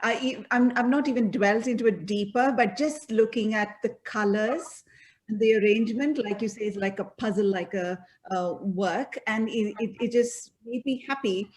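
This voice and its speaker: A woman's voice: a little high, moderate pace, darkish tone. A woman judge giving feedback on a video call, hesitant, with many repeats and restarts.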